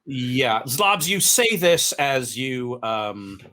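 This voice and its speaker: A man's voice: medium pitch, very animated, extremely slow, pushed and bright. A man narrating a tabletop role-playing game as game master, talking in a loose, rambling way with many fillers.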